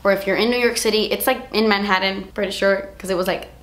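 A woman's voice: medium pitch, steady tone, quick pace, fairly bright tone. A young woman vlogging in casual, emotional chat, saying "like" a lot. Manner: chatty and emotional, heavy use of "like". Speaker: beauty vlogger. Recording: roomy echo.

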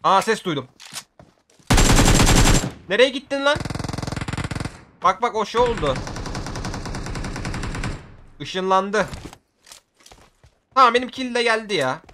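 A man giving excitable gameplay commentary for his video, often shouting at the game and using casual slang. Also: high-pitched, slow pace, pauses often, a little hiss or hum. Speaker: gaming video creator.

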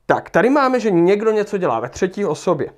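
A man's voice: high-pitched, big pitch swings. Man teaching, thinking aloud. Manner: thinks aloud, rereads passages, many fillers. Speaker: Czech language teacher. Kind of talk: livestream lesson walking through an exam.

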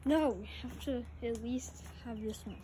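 A woman with a fairly high voice talks casually as she explores overgrown grounds, filming on a phone she holds. She rambles and sometimes drops to hushed asides. Faint noise sits in the background. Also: a little slow. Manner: chatty, dips into hushed asides. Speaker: vlogger exploring an abandoned farm. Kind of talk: casual handheld exploration vlog. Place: outdoors in an overgrown rural yard and derelict buildings. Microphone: phone camera held by the speaker.

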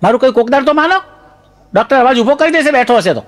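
A man putting on a bossy high-voiced wife. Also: lively intonation, fast. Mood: insistent. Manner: insistent, scolding. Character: bossy wife ordering her husband about.

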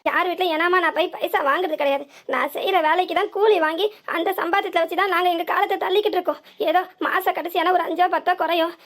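A woman's voice: very high voice, fairly even intonation, fast, hardly any pauses, a bit bright. A woman voicing a poor, proud old village woman with a southern Tamil Nadu accent, pleading and reproachful. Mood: hurt. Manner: pleading, self-pitying reproach.

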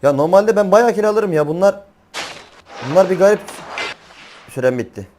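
A man's voice: sits high, lively intonation, normal speed, darkish tone. A young man commenting on his gameplay as a gaming channel host, chatty, slangy and often exasperated. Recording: game gunfire noise underneath. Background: gunfire and game sounds.

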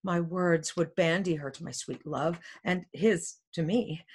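A woman's voice: on the low side, a little slow, breathy edge, voice pushed down. A woman reading an impatient, lovesick young heroine in a Shakespeare play, with dramatic, insistent pleading. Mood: impatient longing.

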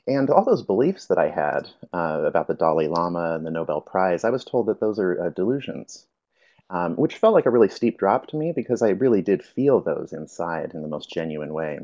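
A man's voice: low voice, darkish tone, dull audio. A man presenting a workshop, telling his personal story in a reflective, hesitant way with frequent fillers.

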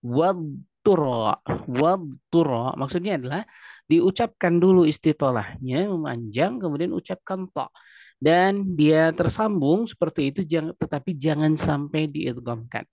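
A man explaining a recitation lesson in a measured way, repeating key phrases. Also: on the high side, no echo. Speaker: interpreter and student of recitation. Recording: dry, dull lo-fi sound.

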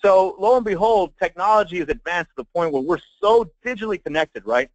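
An American man leading a live online sales training as a marketing trainer, with an emphatic, folksy pitch addressed straight to his listeners. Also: expressive, brisk, no room sound. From Texas, United States. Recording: dull lo-fi web conference audio.

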